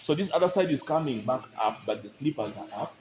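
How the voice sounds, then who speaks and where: In a noisy barn recording, a male farm guide walks visitors around a dairy barn on a tour. He speaks fairly quickly in a mid-range voice with lively intonation, laying things out step by step and repeatedly checking "you get my point?"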